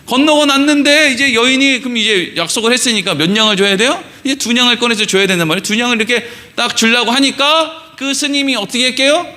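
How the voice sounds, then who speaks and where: A man's voice: very high-pitched, fast talker, hardly any pauses, pushed and bright. A middle-aged man preaching a sermon in church, telling a story with lots of questions to the congregation and acting out the characters' lines. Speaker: pastor. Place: church sanctuary.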